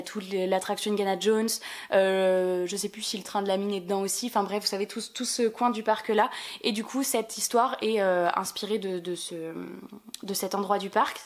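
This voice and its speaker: A woman with a French accent chatting casually on her book vlog, full of fillers and restarts. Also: mid-range voice. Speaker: book vlogger. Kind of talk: casual book haul chat.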